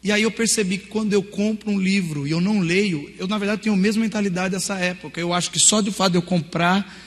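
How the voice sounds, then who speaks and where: Brief: Brazilian male seminar speaker, thirties, bright high voice, animated storyteller, long hall echo. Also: fast talker. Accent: Brazilian Portuguese. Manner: animated storytelling, acting out quotes. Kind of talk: sermon-style talk. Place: large hall.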